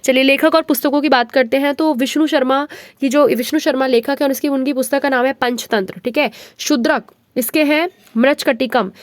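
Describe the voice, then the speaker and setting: Hoarse, quick-talking woman teacher. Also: high voice, fairly even intonation, dry recording. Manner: rapid, chatty, Hinglish asides. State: hoarse with a cold. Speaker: exam prep teacher. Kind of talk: fast revision lecture.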